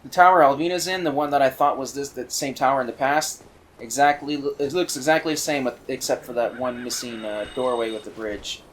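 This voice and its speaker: A man giving casual, rambling commentary on a video game he is playing, full of fillers and excited asides. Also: mid-range voice, fairly quick, slight background noise. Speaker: let's play commentator.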